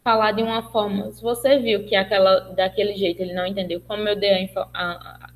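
A woman's voice: medium pitch, level tone, quick pace, poor audio. Brazilian woman giving a webinar talk. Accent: Brazilian Portuguese. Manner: explanatory, with many fillers and restarts, acting out example phrases. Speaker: speech therapist lecturer. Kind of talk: webinar lecture.

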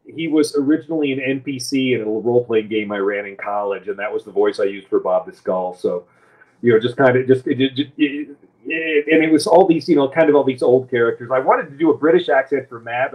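A male author chats freely as a livestream guest. His voice sits at a middling pitch, and he talks animatedly with frequent chuckles and false starts. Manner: animated, chuckling, many restarts. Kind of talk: casual livestream chat.

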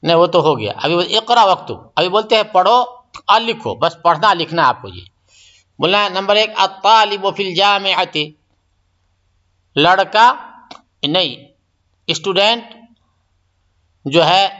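Man, language teacher, unhurried, step-by-step explanations, muffled lo-fi sound. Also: sits high, expressive, pushed and bright. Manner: patient, repeats each phrase and explains step by step. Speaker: Arabic teacher. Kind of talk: recorded grammar lesson.

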